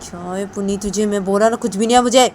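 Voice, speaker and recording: A woman's voice: medium pitch, steady tone, quick pace, a little mellow, close to an everyday voice. A woman voicing a hot-tempered college girl who irritably insists nothing is wrong. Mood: irritated. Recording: noisy background with passing vehicles.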